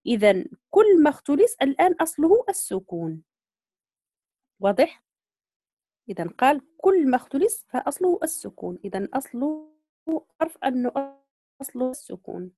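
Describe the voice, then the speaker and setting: A woman teaching Quran recitation, patiently explaining readings, slowly modeling words and checking that students follow. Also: on the high side, warm tone, dry recording, studio quality. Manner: patient, repeats points and checks understanding. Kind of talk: online tajweed lesson.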